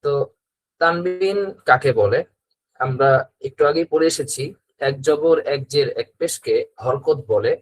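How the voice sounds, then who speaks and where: A man's voice: fairly high pitch, measured pace. A man with a Bangladeshi Bengali accent teaching Quran reading in an online class over a video call, patiently repeating drills for students to echo.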